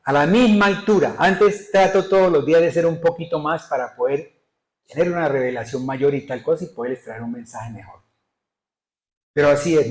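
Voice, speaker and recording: A man's voice: fairly high pitch, echoey room, rough recording. A male pastor preaching a sermon emphatically, often putting rhetorical questions to his congregation. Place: church.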